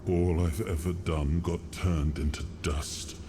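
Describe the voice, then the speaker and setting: King Arthur, a very deep, weary fallen king. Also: fairly even intonation, background noise. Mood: bitter despair. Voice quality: very low, grave voice. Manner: slow, solemn, regretful monologue. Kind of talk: dramatic video game cutscene monologue.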